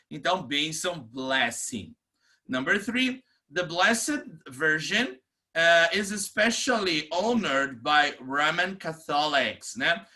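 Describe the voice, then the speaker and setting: A man with a Brazilian Portuguese accent teaching an English vocabulary class, reading English examples slowly and explaining them. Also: a little high. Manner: slow, lively teaching delivery, stretches English words and repeats "né?". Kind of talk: recorded online class.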